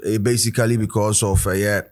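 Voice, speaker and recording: A man with a Ghanaian accent hosts a casual editorial show as host and commentator, chatting loosely with lots of fillers and switching between English and Twi. His voice is on the low side with little pitch movement, and he speaks at a quick pace.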